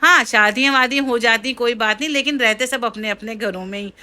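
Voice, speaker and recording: A young woman chatting casually to her viewers in a cooking vlog, addressing them warmly as friends. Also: on the high side, fairly quick. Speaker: cooking vlogger.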